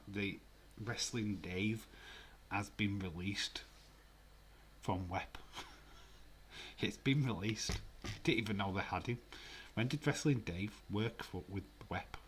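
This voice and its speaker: Speaking slowly in a fairly low voice, with a bit of hiss or hum behind him, a Yorkshire-accented man hosts a live stream. He keeps the talk casual and teasing toward his chat, laughs plenty, and sometimes slips into a near whisper.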